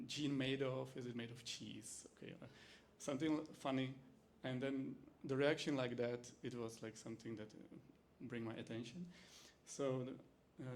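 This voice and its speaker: In a teaching demonstration, a Czech university lecturer with a Czech accent works through English, his second language, with frequent fillers and restarts. His voice is creaky and medium-pitched, with slight background noise behind it.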